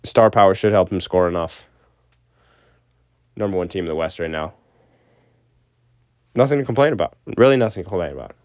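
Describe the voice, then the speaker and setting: Solo sports podcast host, young man with a low register, loose sweary opinions, dull lo-fi recording inside a closet. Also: lively intonation, brisk, pauses often, a little mellow, no echo. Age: young adult. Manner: rambling, opinionated, sprinkled with swearing. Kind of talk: casual sports commentary.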